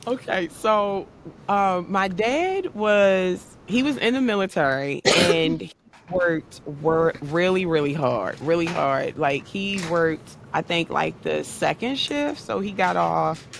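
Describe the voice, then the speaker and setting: A woman guest on a podcast, telling a personal story in an animated way and acting out the dialogue. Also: on the low side, slow pace, gravelly, background noise. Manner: animated, acts out quoted dialogue. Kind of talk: casual storytelling.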